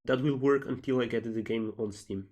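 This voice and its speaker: A game developer from Slovenia hosts a casual livestream Q&A, reading out questions and answering them. His voice is medium-pitched, a little mellow, and at a normal speed, and the audio sounds dull.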